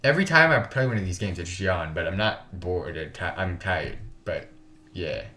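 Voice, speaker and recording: A man's voice: sits low, animated, moderate pace, bright, forceful tone, reverberant. A man giving rambling, casual commentary while playing through a visual novel game. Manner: casual, rambling, self-correcting. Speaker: gaming YouTuber. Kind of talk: let's play commentary.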